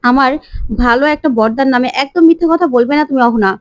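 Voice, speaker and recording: An indignant young husband scolds in a rush of quick, high words, as a woman narrator reads his lines. The voice sounds dry and close, with no room around it. He sounds fed up and defends his brother hotly. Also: no echo, lightly acted.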